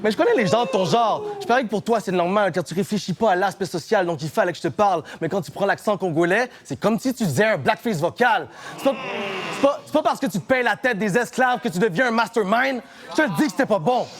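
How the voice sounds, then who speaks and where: A man with a Québécois French accent battle rapping a cappella, taunting his opponent and shouting his punchlines. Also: sits high, lively intonation, quick pace. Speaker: battle rapper. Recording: noisy live battle recording.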